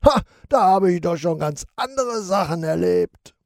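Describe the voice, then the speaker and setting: A man voicing a loud, boastful male pirate captain in a storybook, booming and blustering. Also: animated, measured pace, gravelly, no echo, studio quality, exaggerated voice.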